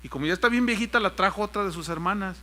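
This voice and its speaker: Older Mexican pastor, folksy preacher, high, very bright tone. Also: male voice, rapid-fire. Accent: Mexican Spanish. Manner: folksy storytelling, mimics voices in anecdotes. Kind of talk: sermon.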